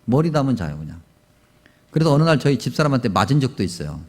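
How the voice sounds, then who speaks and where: Pastor preaching with long church reverb. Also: male voice, medium pitch, big pitch swings, quick pace. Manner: storytelling, asks the congregation questions. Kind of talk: sermon. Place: church sanctuary.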